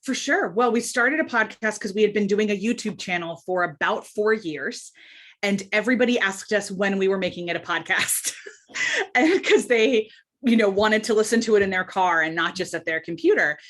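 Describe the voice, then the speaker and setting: Chatty, animated American woman guest. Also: mid-range voice. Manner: chatty and animated, quick asides, laughs easily. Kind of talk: casual podcast interview.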